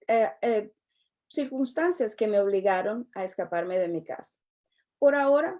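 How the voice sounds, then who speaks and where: A middle-aged woman, a relationship coach giving a prepared personal testimony in a measured, earnest way. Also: fairly high pitch, dark tone. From El Salvador. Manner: measured, earnest, unhurried delivery.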